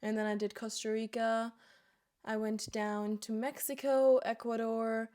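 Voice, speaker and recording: A young woman from Austria, a podcast guest telling stories in a relaxed, rambling way. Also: fairly high pitch, a little slow. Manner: relaxed, rambling storytelling with lots of "like". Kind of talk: casual interview chat.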